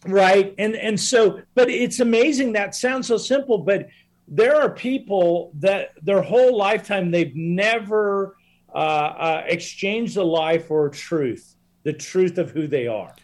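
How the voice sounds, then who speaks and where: A man with a slightly higher than usual voice speaks as a guest in a casual interview. He talks earnestly and reflectively about his coaching work with people. His speech comes across as sincere and thoughtful. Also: takes it slowly.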